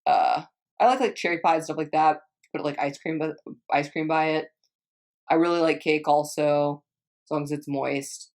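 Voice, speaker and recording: In a low, darkish voice with fairly even intonation and a normal speed, a young woman from Texas chats through viewer questions on her vlog. She rambles, swears plenty, and keeps trailing off to start over.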